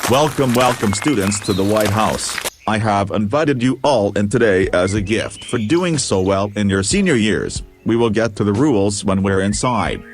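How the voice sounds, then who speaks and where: A man's voice: lowish voice, animated, normal speed, few pauses, over music, natural voice. A man voicing a formal cartoon president. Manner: speechy, formal.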